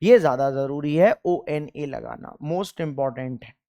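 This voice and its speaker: A man's voice: on the high side, slow pace, mellow. A young man teaching chemistry in an exam-focused lecture, emphatic, repeating key points and firing questions at the class.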